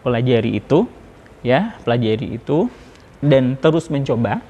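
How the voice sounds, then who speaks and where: A man giving a relaxed lesson on preaching technique, talking in a chatty way with many fillers and restarts. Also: medium pitch, moderate pace, highs cut off. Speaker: public speaking teacher. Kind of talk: informal lesson on preaching delivery.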